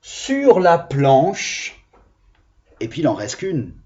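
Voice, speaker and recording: A man's voice: on the high side, wildly swooping pitch, extremely slow, darkish tone, husky, dull audio. A man teaching children a reading lesson on video, explaining patiently and expressively. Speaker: primary school teacher.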